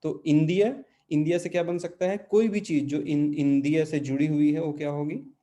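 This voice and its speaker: Mellow-voiced man teaching an online class. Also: a little high, steady tone, normal speed. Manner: explains patiently, often checks with "है ना?". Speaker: language teacher.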